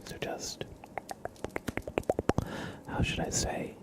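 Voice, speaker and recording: A male ASMR streamer delivers positive affirmations, whispering breathily with a soft, reassuring manner and halting phrasing.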